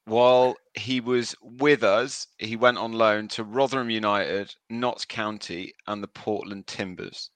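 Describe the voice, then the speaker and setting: Low male voice, very dry sound. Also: steady tone, measured pace, few pauses, a bit bright, dry recording. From Leicester, England. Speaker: podcast panellist. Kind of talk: casual football quiz chat.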